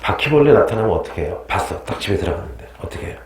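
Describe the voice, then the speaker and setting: A man's voice: on the low side, lively intonation, rapid-fire, roomy sound, slight background noise. A middle-aged man teaching a history class, quizzing his students and joking and laughing with them as he lectures.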